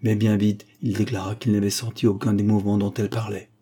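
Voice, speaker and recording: A man narrating a classic novel in a steady, unhurried reading voice. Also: fairly low pitch, breathy edge. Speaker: audiobook reader. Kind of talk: literary narration.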